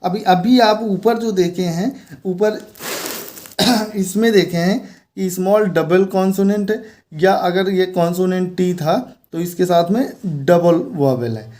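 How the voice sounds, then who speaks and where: A man teaching a grammar lesson at a very unhurried pace. His voice is mellow and dark, and he explains patiently. He points things out as he goes and repeats each key word. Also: high-pitched. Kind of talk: board-based grammar lesson.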